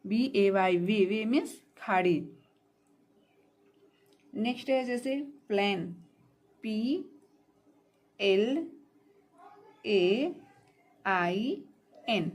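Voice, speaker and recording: In a classroom lesson on English pronunciation, a woman spells words letter by letter, repeats their meanings and answers her own questions. Her voice is on the high side and a little mellow.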